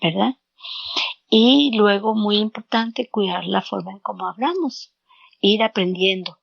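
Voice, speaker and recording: A woman's voice: mid-range voice, measured pace, vocal fry, no room sound. A woman guest giving counseling advice in an interview, explaining step by step and repeating words as she searches for them. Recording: dull lo-fi, dry sound.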